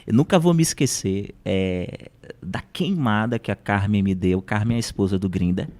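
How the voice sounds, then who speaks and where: On the low side with a darkish tone, a Brazilian man speaks at normal speed as a podcast guest. His style is conversational and motivational, full of rhetorical questions and emphatic repetition.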